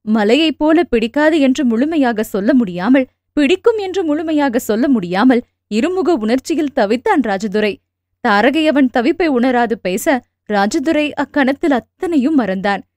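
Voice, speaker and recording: A woman narrating a novel in a steady storytelling manner. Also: sits high, moderate pace, dry recording, studio quality. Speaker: audiobook narrator.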